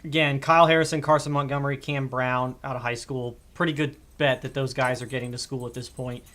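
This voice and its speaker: A man's voice: medium pitch, fairly even intonation, a little fast, fairly bright tone. Man hosting a live draft panel. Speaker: draft show host.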